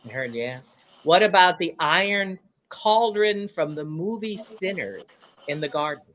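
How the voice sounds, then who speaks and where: A man's voice: sits high, animated, measured pace, a bit bright, a little hiss or hum. A man chatting casually during a paranormal session, musing and asking questions in short, tentative phrases.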